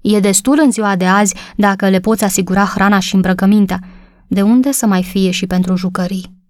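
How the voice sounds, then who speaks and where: A woman's voice: mid-range voice, fairly even intonation, darkish tone, no room sound, natural voice. A worn-out poor mother in a storybook, speaking in a tired, subdued voice, as a woman narrator puts her on. The sound is dry and close. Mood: weary. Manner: subdued, tired and plain-spoken.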